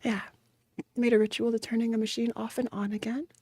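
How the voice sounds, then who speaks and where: Cute, high-voiced anime-streamer woman. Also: flat delivery, brisk, a little mellow, husky. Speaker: VTuber streamer reacting to a video. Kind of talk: casual reaction stream chat.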